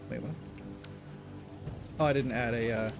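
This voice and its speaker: A man's voice: mid-range voice, steady tone, unhurried. A man streaming a factory-building game, chatting casually to himself as he plays, often addressing the machines. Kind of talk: casual gameplay commentary. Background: game music.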